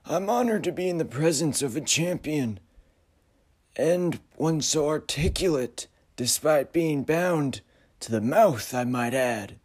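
A man voicing an eerie, formal, troubled otherworldly man in a storybook tale, speaking in stiff, measured phrases. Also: on the high side, expressive, darkish tone, husky, pitched above the performer's own voice. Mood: guarded.

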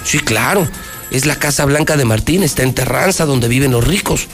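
A man's voice: mid-range voice, moderate pace, fairly bright tone. A Mexican man hosting a live phone-in opinion show, speaking in an emphatic, repetitive, colloquial way with sarcastic rhetoric. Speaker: radio and TV talk show host. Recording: music bed behind the voice. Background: background music.

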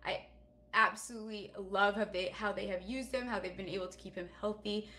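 A woman's voice: mid-range voice, steady tone, brisk, sharp tone. A woman co-hosting a casual fantasy football show, giving her opinions bluntly and playfully. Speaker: co-host.

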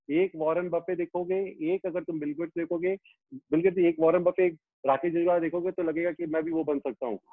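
A man's voice: a little high, dry recording. Emphatic middle-aged man on a tinny line. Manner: emphatic, repeats key phrases for effect. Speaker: teacher of students and YouTube educator. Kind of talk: animated interview talk. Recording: tinny phone-like line, dry.

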